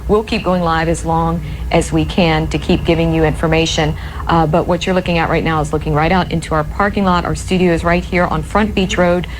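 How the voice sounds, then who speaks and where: A woman with a fairly low voice anchors live breaking news. She explains things in a measured, unscripted way, with noticeable ambient noise behind her in the newsroom. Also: steady tone, rough recording. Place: TV newsroom, indoors. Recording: clear background noise, ambient sound.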